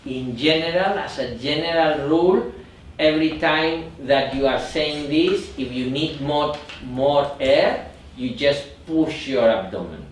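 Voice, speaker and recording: Man, meditation teacher, slow and halting, echoey room, distant mic. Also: a little high, slight background noise. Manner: slow, repetitive, searching for words. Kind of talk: guided meditation instruction.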